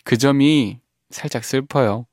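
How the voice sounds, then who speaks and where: In a studio, a male radio host reads listener messages and reflects on them softly and gently, his words often trailing off into quiet. His medium-pitched voice is a little slow, picked up on a studio microphone with no echo.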